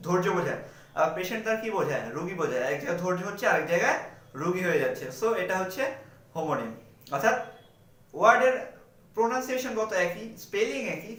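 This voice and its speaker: High-voiced man lecturing in an echoey room. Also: a bit bright. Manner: asks and answers his own questions. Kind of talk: explanatory lecture. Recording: echoey room, mic at a distance.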